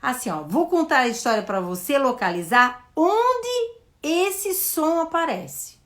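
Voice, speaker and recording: A Brazilian woman teaching in a live session, modelling the questions she asks a child and explaining each step with slow, stressed words. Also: high-pitched, very animated. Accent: Brazilian Portuguese. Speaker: educator hosting a live session.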